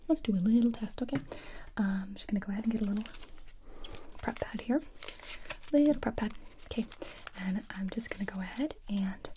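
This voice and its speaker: A woman's voice: mid-range voice, slight background noise. Whispering woman in comedic ASMR roleplay. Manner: soft close whispering with sudden voiced outbursts.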